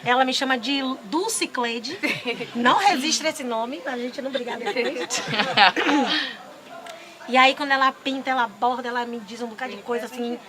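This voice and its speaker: A chatty woman talks in an interview and often adds laughing asides. Her voice is high. Other people are talking all around her. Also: normal speed, crowd noise. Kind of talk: casual chat in an interview. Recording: talk among a group of people.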